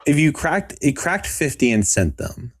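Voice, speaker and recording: A man's voice: a little high, very animated, no echo, studio quality. Laid-back male podcast co-host. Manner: laid-back, halting, repeats words. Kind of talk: casual podcast chat.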